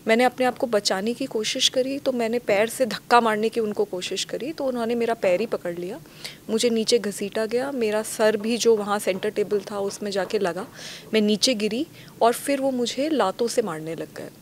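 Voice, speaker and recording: A woman's voice: fairly high pitch, moderate pace, slight background noise. Earnest woman interview guest. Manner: earnest, detailed recounting.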